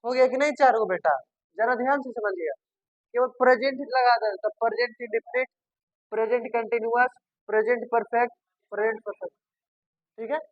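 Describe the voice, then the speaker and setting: A male teacher runs a grammar lesson, repeating terms, calling his students babu and sir, and answering his own questions. His voice is very high and a little fast, with frequent pauses. The sound is lo-fi but free of echo.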